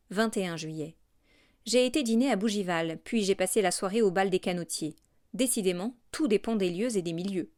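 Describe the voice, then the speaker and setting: A woman reads a classic tale aloud for an audiobook, at a measured pace and with expressive phrasing. Her voice sits at a middle pitch. The recording is dry and close, with no room sound. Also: no echo. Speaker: audiobook narrator. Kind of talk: scripted narration of a literary text.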